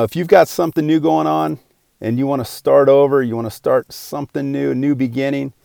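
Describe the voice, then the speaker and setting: A man's voice: mid-range voice, vocal fry, mellow, clean tone, dry recording, studio quality. A man in his forties hosting his own podcast, talking alone in an earnest, rambling way with many restarts. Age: 40s. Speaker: podcast host. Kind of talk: casual solo podcast monologue.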